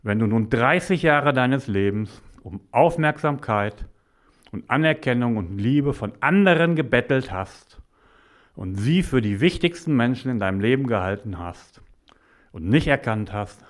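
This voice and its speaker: A man who works as a mediator and coach gives a motivational talk to the viewer. He speaks deliberately and drops to whispers for emphasis. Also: mid-range voice.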